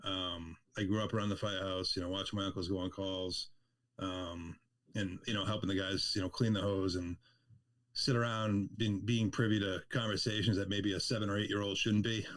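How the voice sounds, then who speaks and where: A man's voice: low voice, little pitch movement, fairly quick, a bit bright. A man with a strong Boston accent telling personal stories in a casual interview as a firefighter guest, plain-spoken and salty. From Massachusetts, United States.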